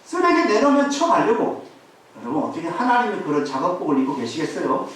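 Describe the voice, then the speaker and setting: A male pastor preaching a sermon to his congregation, telling a story in an animated way and asking the listeners rhetorical questions. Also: high voice, fast, far from the mic. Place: church sanctuary. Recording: very echoey hall, voice off-mic, faint hiss.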